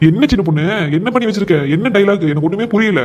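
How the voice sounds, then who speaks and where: A man's voice: high voice, fast talker. A man voicing a young cartoon husband who firmly stands up for his wife against his mother. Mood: concerned. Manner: firm, pleading, reasoning. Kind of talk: comic cartoon voice acting.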